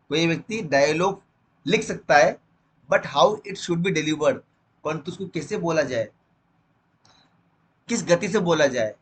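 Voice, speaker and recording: A man teaching a literature lesson line by line. He reads the English text slowly, then explains it quickly in Hindi. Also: high voice, a little hiss or hum, low-quality recording.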